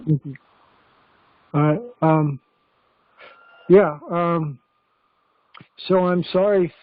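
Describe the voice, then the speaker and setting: A man hosting a casual phone conference call, talking haltingly with many fillers and restarts. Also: fairly high pitch, fairly even intonation, no echo. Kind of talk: casual chat. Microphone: telephone. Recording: tinny phone line.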